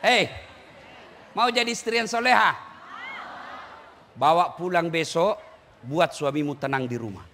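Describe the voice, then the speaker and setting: Male preacher, high ringing voice, playful crowd-teasing sermon. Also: lively intonation, unhurried, pauses often, a little hiss or hum. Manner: teasing, shouting and singing to the audience. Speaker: Islamic preacher. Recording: echoey hall with faint ambience.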